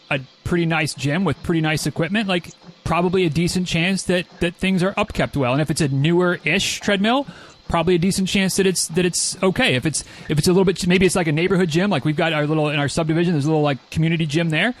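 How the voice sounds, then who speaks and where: Brief: American male podcast host, slightly high voice, very quick, rambling casual delivery. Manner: rambling, jokey, repeats himself.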